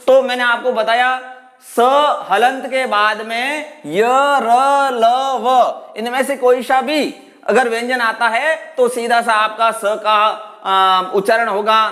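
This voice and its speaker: A man with a strikingly high voice teaches pronunciation in a patient, explanatory way. He sounds out example words slowly to demonstrate each rule. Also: fairly bright tone. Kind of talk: spoken lesson on pronunciation.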